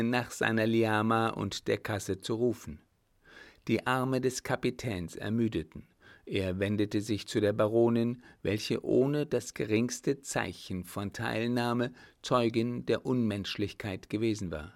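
A man reading a dramatic novel aloud in measured audiobook narration. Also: on the low side, gravelly.

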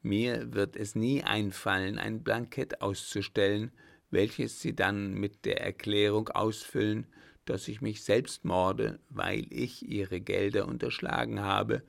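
Audiobook role: a man playing a cool, unflappable hunchbacked scholar, slow and gravelly. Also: fairly low pitch, steady tone, full character voice. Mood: calm. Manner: cool, polite, measured.

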